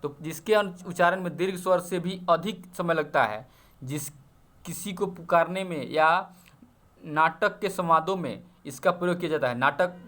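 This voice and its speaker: A man's voice: on the high side, moderate pace, pushed and bright. A man teaching an exam-prep grammar lesson, explaining step by step and checking often that students follow. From Bihar.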